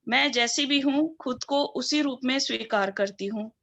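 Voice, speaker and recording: Woman student heard over a video call, slightly high voice, hesitant then steady while reading affirmations. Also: moderate pace. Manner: hesitant, with many fillers before steady recitation. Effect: heard over an online video call line. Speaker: student in an online coaching session. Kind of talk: reading out her own affirmations.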